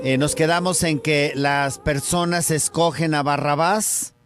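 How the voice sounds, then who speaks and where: A man with a Mexican Spanish accent, a radio show host and surgeon, telling a story in a lively way and acting out the quotes. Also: a little high, a little slow, over music. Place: radio studio.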